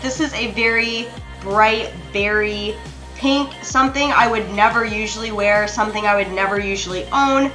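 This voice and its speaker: A woman's voice: mid-range voice, moderate pace. A young woman narrating a makeup tutorial in a chatty, apologetic way, talking straight to her viewers. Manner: chatty, apologetic, addresses viewers as you guys. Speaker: beauty vlogger. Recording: roomy echo with soft music behind.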